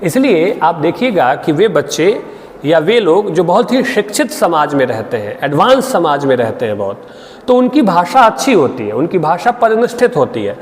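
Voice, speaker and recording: Man, lecture, animated pitch, reverberant room. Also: moderate pace. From Bihar, India. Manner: explains with frequent checks and tag questions. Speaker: Hindi literature teacher. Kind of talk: online exam-prep lecture.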